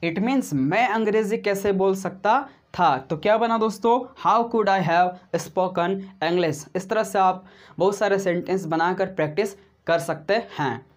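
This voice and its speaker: A man teaching a video grammar lesson who speaks slowly and deliberately, addresses viewers as friends, repeats each example and keeps adding a "right?" tag. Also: high voice. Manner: slow and deliberate, says he explains step by step.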